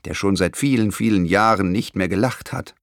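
A man voicing a kindly, caring older grandmother in a storybook reading, gentle and sighing. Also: low-pitched, moderate pace, no room sound, studio quality, lightly acted. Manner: gentle, warm-hearted, sometimes sighing.

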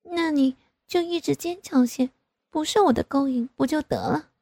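A woman doing a coy, wheedling young mother, lifted high. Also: measured pace, a little mellow, no room sound. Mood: playful. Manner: coy, wheedling, sing-song.

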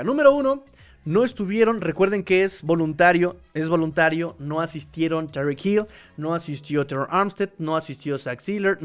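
Male sports host, fairly high voice, animated, rambling with fillers. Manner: animated, excitable, with many fillers and restarts. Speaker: podcast host. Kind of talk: casual sports talk, reading viewer comments.

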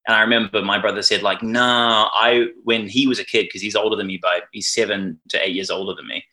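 A man in his thirties, raised in New Zealand but speaking with an Australian accent, rambles as a podcast guest in casual chat, breaking off mid-sentence and laughing between thoughts. His lowish voice is bright and forceful, fairly even, a little fast, on a rough recording.

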